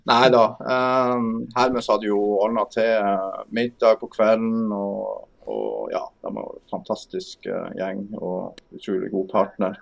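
A man's voice: on the low side, lively intonation, creaky, hardly any pauses. A man with a Northern Norwegian accent, chatting casually as an interview guest. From Northern Norway. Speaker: podcast guest, game developer.

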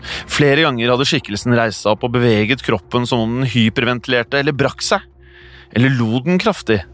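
A man reading a scripted first-person horror story as a podcast narrator, steady and hushed. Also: mid-range voice, soft background music.

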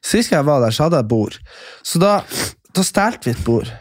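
A man co-hosting a podcast, telling a story in an excitable, giggly way with lots of fillers, on a close mic. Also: a little high, no room sound. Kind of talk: casual storytelling chat.

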